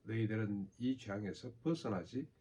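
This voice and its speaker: An older man preaching a sermon as pastor, with measured delivery and rhetorical questions. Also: on the low side, dark tone, slight background noise.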